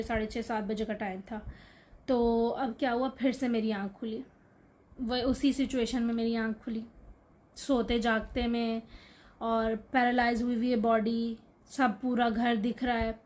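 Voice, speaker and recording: A young woman telling her own horror story to camera in a casual vlog, animated and explaining as she goes, her voice climbing high when she relives the fear. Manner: explains with gestures, frequent "theek hai" check-ins.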